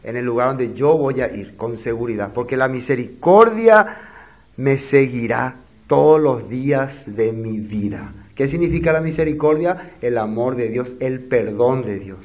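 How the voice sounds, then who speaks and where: A man preaching a sermon, asking many rhetorical questions and swinging between loud emphatic phrases and soft, low asides. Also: lively intonation, measured pace. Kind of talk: expository sermon.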